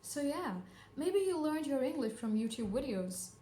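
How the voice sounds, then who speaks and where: A woman's voice: sits high, sing-song, moderate pace, dark tone. A woman vlogger talking earnestly and conversationally to the camera, encouraging her viewers. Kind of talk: reflective monologue to camera. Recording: echoey room with faint background noise.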